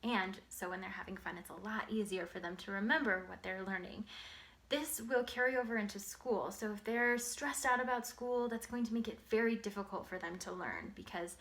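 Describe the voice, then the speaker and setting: A woman speaks as an early literacy educator addressing parents. Her voice sits at a middle pitch for a woman. She explains in simple, clearly laid-out phrases, as in an instructional talk. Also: a little fast, fairly bright tone.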